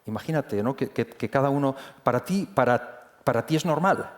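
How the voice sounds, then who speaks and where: A man's voice: medium pitch, moderate pace. A man preaching a sermon in a church, talking conversationally and often restarting his phrases. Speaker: pastor. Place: church hall.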